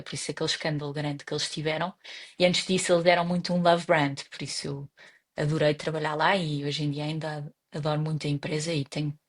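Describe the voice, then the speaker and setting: Young portuguese woman w/ lowish voice, portugal accent, stops and restarts a lot, casual interview talk. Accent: European Portuguese. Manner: hesitant, many restarts and fillers. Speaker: guest.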